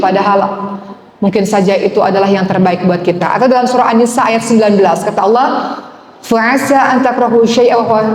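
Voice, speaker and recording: Young woman preaching in an echoing hall. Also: medium pitch. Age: young adult. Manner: lively, coaxing, asks the audience questions. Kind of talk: sermon to a women's gathering. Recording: echoey hall with long reverb.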